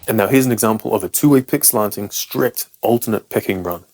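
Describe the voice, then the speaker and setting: This native English speaker with a British accent talks fairly quickly in a fairly low voice. He's a guitar teacher addressing the camera about picking technique, being frank, self-deprecating, and emphatic.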